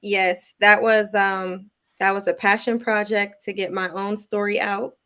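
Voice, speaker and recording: A woman appearing as a talk show guest, her voice at a middling pitch. She answers in a calm, thoughtful and encouraging way, in relaxed conversation. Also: measured pace. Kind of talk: casual interview answers.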